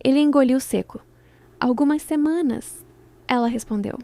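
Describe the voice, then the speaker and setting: High-voiced woman narrating a dramatic story. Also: dark tone, dry recording. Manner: dramatic, measured delivery in short phrases. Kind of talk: scripted first-person story narration.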